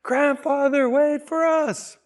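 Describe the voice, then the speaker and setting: A man voicing a desperate teenage boy shouting. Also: steady tone, takes it slowly. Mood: pleading shout. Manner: high, strained calling out.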